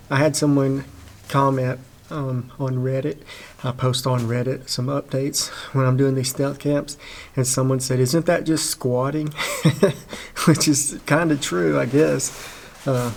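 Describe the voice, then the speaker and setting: A young man talking quietly and casually to the camera while camping inside a small shed at night, in a relaxed, rambling way. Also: medium pitch, creaky. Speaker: vlogger. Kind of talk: casual vlog talk to camera. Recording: faint background noise.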